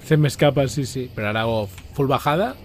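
A man giving excitable live commentary while playing a video game, often swearing and reacting loudly. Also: mid-range voice, fast talker, a little hiss or hum.

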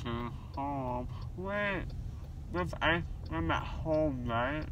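A young man, groggy and dazed after surgery, talking slowly and drawing out his words. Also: on the high side, animated. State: drugged and woozy from anesthesia. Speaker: vlogger. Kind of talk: casual home video. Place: inside a van, then at home. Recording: dull noisy recording in a car.

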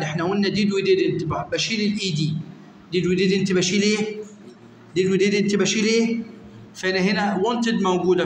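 A young Egyptian man with a high voice runs an English revision lesson. He questions students by name and answers himself. His voice rings in a roomy space with a long tail and a faint hiss underneath. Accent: Egyptian Arabic. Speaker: English teacher. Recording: echoey room with long reverb, faint noise.

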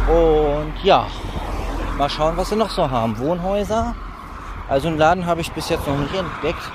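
A man in his thirties talking casually and in a rambling way while walking along a roadside, as in a phone vlog. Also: a little high. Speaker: vlogger. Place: outdoors on a village roadside. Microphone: phone held at arm's length. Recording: noisy outdoor roadside phone recording.

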